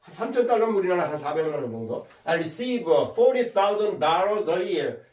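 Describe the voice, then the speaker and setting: A middle-aged man teaching an English lesson, patiently repeating words and saying his example sentences slowly and carefully. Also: high voice, darkish tone. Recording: roomy echo, mic at a distance.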